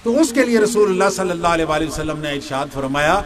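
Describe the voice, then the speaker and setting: A man's voice: on the high side, expressive, crowd noise. An older man from Pakistan giving a sermon, explaining step by step, asking questions and answering them himself, with asides in Punjabi. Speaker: religious teacher.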